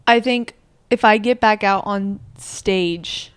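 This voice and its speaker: On a podcast, a woman in her twenties co-hosts a casual, reflective conversation, speaking earnestly, slowly, and thinking out loud. Her voice is smooth and clear at an ordinary pitch. The recording is dry and close, with no room sound.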